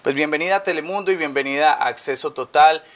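A man's voice: a little high, quick pace, fairly bright tone. Upbeat male TV interview host. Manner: upbeat, welcoming. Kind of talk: TV interview hosting. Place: office, indoors. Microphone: lapel.

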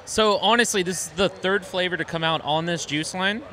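A man's voice: high voice, a little fast, sharp tone. A young man giving a casual, polite product explanation in an interview. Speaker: company representative being interviewed. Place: trade show booth indoors. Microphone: handheld microphone held by interviewer.

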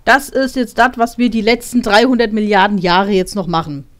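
A woman's voice: mid-range voice, steady tone, normal speed. A woman giving casual, sardonic let's play commentary on a video game. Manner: sardonic, wry. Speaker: let's player. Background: game music.

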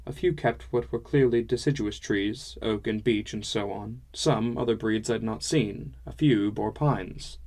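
A man narrating a fantasy audiobook in a measured, wry first-person style. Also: lowish voice, a little mellow.

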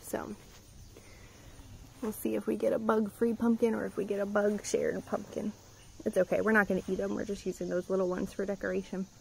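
A woman's voice: medium pitch, little pitch movement, brisk, gravelly, darkish tone, a little hiss or hum, low-quality recording. A woman giving a casual, rambling tour of her garden outdoors, filming on a handheld phone. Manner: chatty, rambling, with frequent ums. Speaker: gardening vlogger. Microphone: handheld phone camera.

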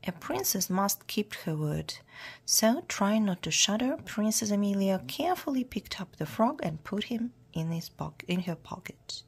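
A woman reading a children's storybook aloud in a hushed, half-whispered way. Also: medium pitch, very animated, normal speed, breathy edge. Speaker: storyteller for English learners.

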